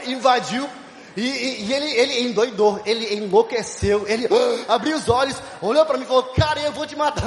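A man preaching a youth conference sermon, telling stories with shouts and laughter. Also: very high-pitched. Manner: animated storytelling, shouting and laughing. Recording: echoey hall.

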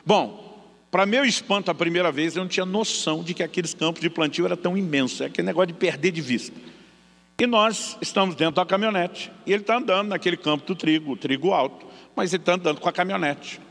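A pastor preaches a story-driven sermon. He talks quickly, with a slightly raised voice, and brings the dialogue in his story to life. A long hall reverb trails behind each phrase. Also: high voice, vocal fry. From São Paulo state, Brazil. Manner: lively storyteller acting out dialogue.

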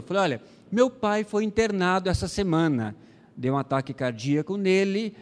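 Brazilian missionary pastor telling a testimony. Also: male voice, high voice, big-room sound. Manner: storytelling with quoted dialogue, many pauses and fillers. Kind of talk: sermon testimony.

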